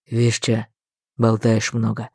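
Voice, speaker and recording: A woman's voice: a bass voice, completely flat delivery, slow, mellow, slightly rough, no room sound, clean studio sound, pitched below the performer's own voice, full character voice. A woman voicing a surly, suspicious bearded male partisan who talks curtly. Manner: curt, suspicious, grumbling.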